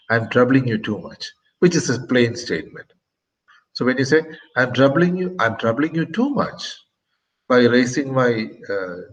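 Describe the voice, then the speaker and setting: A man giving a university lecture, explaining slowly with many pauses and repeated "okay", and rising sharply in pitch to act out questions. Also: lo-fi sound. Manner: acts out question intonation with sharp rises in pitch. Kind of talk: classroom lecture.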